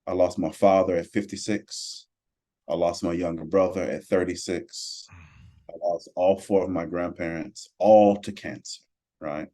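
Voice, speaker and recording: A man in his forties on a podcast, speaking in an earnest, reflective, measured way. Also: low voice, fairly even intonation, mellow. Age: 40s. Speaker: podcast co-host.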